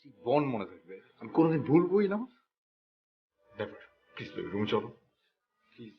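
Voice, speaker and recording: An actor playing a fussy, germ-fearing young husband in a TV drama, panicky and pleading. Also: male voice, mid-range voice, very animated, moderate pace, phone-quality sound. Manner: panicky, then softly pleading. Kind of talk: TV drama acting.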